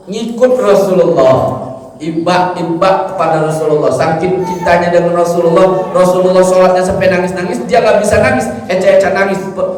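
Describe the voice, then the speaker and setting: A man preaching a humorous, animated study sermon in a mosque, now and then mimicking chanted prayers and neighbourhood gossip. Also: high-pitched. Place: large mosque hall. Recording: echoey hall, mic from far off.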